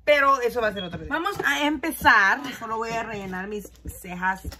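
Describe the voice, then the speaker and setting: A woman's voice: on the high side, a little fast, pushed and bright, a little hiss or hum. A woman, chatting casually and switching between Spanish and English as she films a beauty vlog. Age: 20s. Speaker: beauty vlogger. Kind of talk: casual get-ready-with-me chat. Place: small bedroom indoors.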